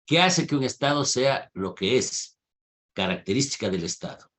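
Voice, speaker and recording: A male lecturer teaching over a video call. He talks in a didactic way, asking his students questions and pressing on their answers. His voice sits in a middle pitch. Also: animated, normal speed, fairly bright tone. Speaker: university lecturer. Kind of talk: online class lecture with questions.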